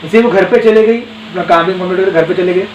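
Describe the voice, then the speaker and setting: High-voiced man telling a rambling story. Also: quick pace, darkish tone, lo-fi sound. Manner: rambling and repetitive, with asides to listeners. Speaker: teacher telling a story to students. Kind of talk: casual spoken storytelling. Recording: roomy echo, distant mic, faint noise.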